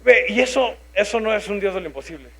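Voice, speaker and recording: A man's voice: sits high, fast talker, slight background noise. A man in his thirties with a Mexican Spanish accent, preaching a sermon, telling a personal story and acting out his own thoughts. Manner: animated, acts out his own inner voice.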